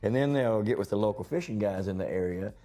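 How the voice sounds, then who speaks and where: A man's voice: fairly low pitch, quick pace, warm tone. A man, a store owner telling rambling, folksy anecdotes in a casual interview.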